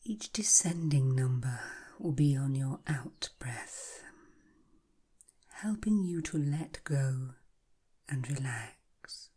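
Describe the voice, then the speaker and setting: A woman guiding a hypnotic relaxation in a soft, breathy, half-whispered voice, slow and soothing like a calming countdown. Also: extremely low pitch. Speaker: hypnotherapy guide. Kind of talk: guided hypnosis relaxation, scripted narration.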